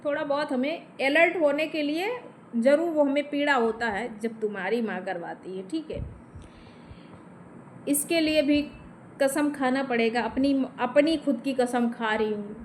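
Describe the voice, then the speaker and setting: A woman's voice: high voice, a little hiss or hum. A woman vlogger with a Bhojpuri accent speaks straight to the camera, heated and confrontational, addressing an absent man and pressing her points with repeated tag questions. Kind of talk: direct-to-camera vent.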